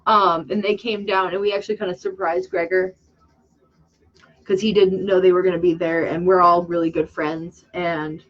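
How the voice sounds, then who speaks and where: A woman hosting a casual livestream chat, rambling excitably and losing her train of thought. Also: on the low side, moderate pace. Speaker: channel host and makeup artist. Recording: dull lo-fi sound.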